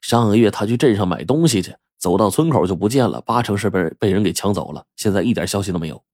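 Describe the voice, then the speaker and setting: A man's voice: lowish voice, expressive, quick pace, a little mellow, no room sound, studio quality. A male storyteller voicing a young male villager who tells bad news in a subdued, sighing way. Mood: sorrowful. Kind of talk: storyteller's acted dialogue.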